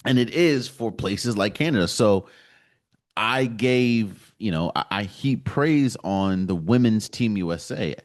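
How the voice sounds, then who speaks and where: A man from the United States hosting a solo sports podcast, giving his opinions in an emphatic, animated way. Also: on the low side. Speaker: podcast host.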